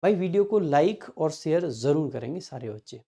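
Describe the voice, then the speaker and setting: Mellow-voiced man teaching an exam-prep lesson. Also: a little high, expressive, slightly rough. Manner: reads English example sentences slowly, word by word; keeps asking students quick check questions.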